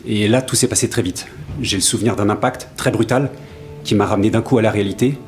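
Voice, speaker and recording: Lowish male voice, thirties, actor as earnest salesman witness, hesitant, courtroom audio drama. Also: fast, a little hiss or hum, natural voice. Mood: earnest, shaken. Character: grateful 35-year-old travelling salesman testifying in court.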